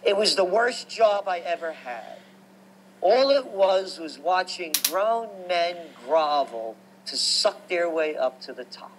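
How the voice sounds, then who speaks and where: A man, telling stories about his life as a guest in an animated, emphatic way. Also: high-pitched, slow pace, slight background noise, rough recording. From New York. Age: 60s. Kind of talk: conversational storytelling.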